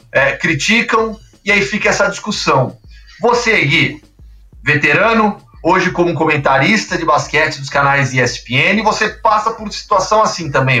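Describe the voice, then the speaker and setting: A man's voice: a little high, bright, forceful tone, reverberant, recorded from a distance. A man hosting a basketball podcast, explaining the news in a chatty way with many fillers. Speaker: podcast host.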